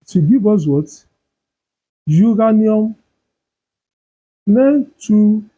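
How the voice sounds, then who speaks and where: Male chemistry teacher, slow, mellow and husky, quizzes the class and supplies the answers. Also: sits high. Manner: asks questions and fills in the answers himself. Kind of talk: chemistry lesson. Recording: dull lo-fi sound.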